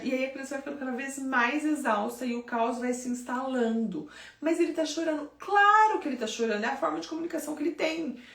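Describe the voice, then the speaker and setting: A woman's voice: fairly high pitch, echoey room, far from the mic. A woman sleep consultant giving direct, emphatic advice to parents in a conversational way.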